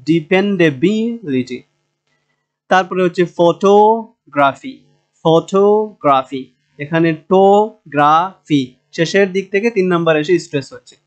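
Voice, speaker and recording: Man, Bangladeshi accent, fairly high voice, recorded lecture, drawn-out example words, hesitant fillers. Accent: Bangladeshi Bengali. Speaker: linguistics lecturer.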